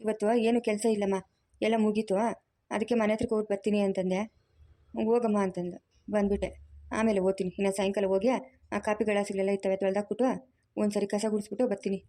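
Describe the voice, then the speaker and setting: A woman voicing a bossy, caring middle-aged village aunt, in a loud, scolding, teasing manner. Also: mid-range voice, level tone, fast, pauses often, lightly acted.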